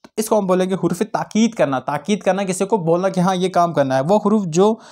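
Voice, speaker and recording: This grammar teacher talks fairly quickly in a high voice with a darkish tone. He explains terms to students in Hindi-Urdu laced with English, acting out short exclamations as examples.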